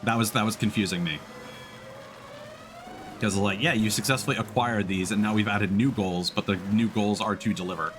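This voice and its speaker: Here a man streams a game, narrating casually and live as his thoughts spill out mid-play. His pitch is fairly low and his pace moderate, with faint game ambience audible behind him.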